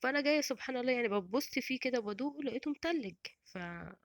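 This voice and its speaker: Fast-talking Egyptian woman cooking. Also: on the high side, animated, dry recording. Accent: Egyptian Arabic. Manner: chatty and rambling, many restarts and fillers. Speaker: home cooking vlogger. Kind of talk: casual cooking voice-over.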